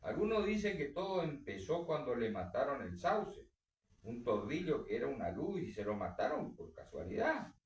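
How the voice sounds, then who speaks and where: A man reading a story aloud for a book club, dramatic, with strong swings in pitch and volume. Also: very animated, moderate pace. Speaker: reader. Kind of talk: literary reading. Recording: roomy echo, distant mic.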